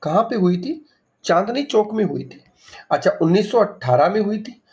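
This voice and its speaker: A man's voice: high-pitched, sing-song, moderate pace, a little mellow, dull audio. A man teaching an exam revision lesson, asking questions and answering them himself, repeating key facts, mixing English words into his explanation. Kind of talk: MCQ revision lecture.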